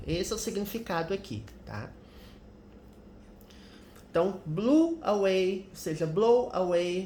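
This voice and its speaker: A Brazilian-accented man walks through English grammar examples at an unhurried, deliberate pace. His tone is patient and explanatory. The room echoes noticeably, and faint noise sits underneath. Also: high-pitched, darkish tone. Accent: Brazilian Portuguese. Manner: patient, explanatory, tags sentences with "né?". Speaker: English teacher. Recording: roomy echo with faint background noise.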